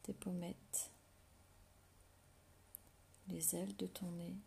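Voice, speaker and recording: A woman whispers a guided meditation right in the listener's ear, low and creaky. She gives slow, soothing relaxation cues with long pauses between them. There is faint noise behind her voice. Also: little pitch movement, mellow.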